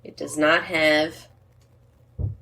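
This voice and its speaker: A woman's voice: deep voice, steady tone, takes it slowly, fairly bright tone. A woman co-hosting a podcast in casual, rambling chat, reading a wine label aloud. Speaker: podcast co-host.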